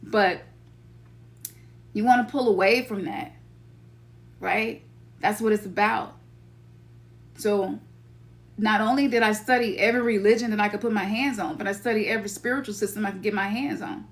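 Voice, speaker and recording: A middle-aged woman from Memphis, Tennessee, with a Memphis Southern accent, speaks in a mid-range voice at a moderate pace with long pauses. She's a spiritual teacher giving listeners a casual talk, loose and slangy, sometimes acting out her own inner voice.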